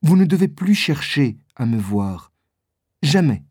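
A man's voice: a little high, very animated, unhurried, darkish tone, slightly rough, no echo, clean studio sound, exaggerated voice. A man voicing a sad dignified queen. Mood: sad firm. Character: sad, dignified queen, firm yet tender.

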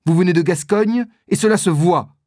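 A man's voice: high voice, moderate pace, warm tone, dry recording, studio quality, pitched above the performer's own voice, natural voice. A man reading a storybook and voicing a smug male musketeer who speaks in a disdainful way.

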